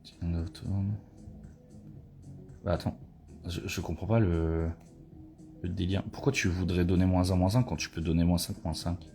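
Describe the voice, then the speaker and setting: A low-voiced man talks through a live card opening in a loose, chatty way. He swears and gets excitable over good cards. Faint music plays behind him, and he sometimes drifts away from the mic. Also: moderate pace, pauses often. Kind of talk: casual live booster-opening chat.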